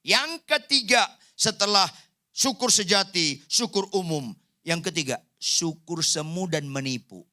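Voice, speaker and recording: A man's voice: sits high, a little slow. A man preaching a sermon as pastor in a church hall, joking and acting out the people in his stories. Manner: animated joking preacher, acts out voices.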